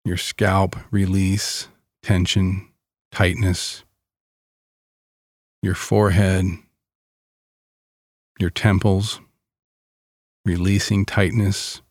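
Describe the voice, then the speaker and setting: Very slow, calm man guiding meditation. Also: sits low, no echo, studio quality. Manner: calm, soothing, gentle delivery with long pauses. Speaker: guided meditation leader.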